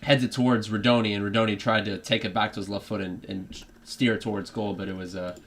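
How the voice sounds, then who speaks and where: A man's voice: on the low side, steady tone, brisk, fairly bright tone. A man with a put-on British accent giving rambling live football reaction commentary, full of fillers and restarts. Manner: rambling, many fillers and restarts, drifts off topic. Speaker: fan streaming a live match reaction.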